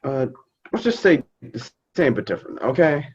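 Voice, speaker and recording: A man's voice: medium pitch, sing-song, moderate pace, husky, dull audio. A man playing a fond, hesitant dad in a scripted stage comedy, fumbling for his words. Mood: awkward, fumbling. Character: fond, hesitant, slightly awkward suburban dad. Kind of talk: scripted youth theater comedy acting.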